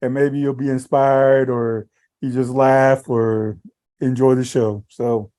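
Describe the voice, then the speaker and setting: A man co-hosting a podcast, chatting in a relaxed, rambling way. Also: medium pitch, slow pace. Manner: laid-back, rambling, laughs easily. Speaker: podcast co-host. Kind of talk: casual chat.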